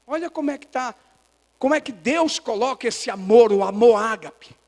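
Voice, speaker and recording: High gravelly preaching man. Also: lively intonation, moderate pace, big-room sound, rough recording. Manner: preaching with shouted emphatic peaks; acts out dialogue between Jesus and Peter. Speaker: pastor. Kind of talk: sermon.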